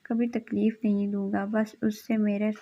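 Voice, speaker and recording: A woman's voice: medium pitch, level tone, dull audio, lightly acted. A woman reading a stubborn unfaithful husband. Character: remorseful cheating husband, adult man.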